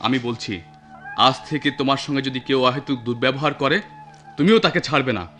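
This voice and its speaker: A man's voice: mid-range voice, fairly even intonation, fast, faint music behind, natural voice. An actor playing a stern, righteous young man who defends his poor cousin, in a television drama. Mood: earnest. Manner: stern, lecturing, forceful.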